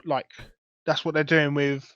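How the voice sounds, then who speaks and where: A man's voice: fairly high pitch, flat delivery, unhurried, a bit bright, clear, resonant tone, dry recording. A young man hosting a podcast, talking casually and enthusiastically, rambling a bit. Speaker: podcast host. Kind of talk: casual chat. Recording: dull, lo-fi dry sound.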